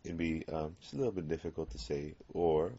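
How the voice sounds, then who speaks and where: A man teaching a Spanish grammar lesson, explaining patiently and pausing on fillers as he works through examples. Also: rumbling low, mellow. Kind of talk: classroom grammar lecture. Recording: dull lo-fi classroom recording.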